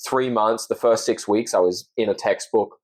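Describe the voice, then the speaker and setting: A man's voice: fairly low pitch, moderate pace, rough recording. A man in his thirties with an Australian accent, an actor talking earnestly and reflectively as a podcast guest. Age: 30s. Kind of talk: casual interview chat.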